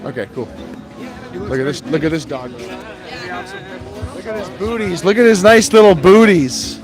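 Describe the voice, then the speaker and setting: A man's voice: high voice, measured pace. A man hosting a casual livestream at an outdoor street protest, chatting with people and inviting strangers on. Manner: chatty, friendly, approaches strangers. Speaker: livestream host. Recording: crowd and music behind.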